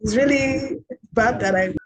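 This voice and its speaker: A woman on a video call whose audio keeps breaking up from a bad internet connection, giving halting, apologetic closing remarks as a conference panelist. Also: a little high. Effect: choppy, breaking-up internet audio.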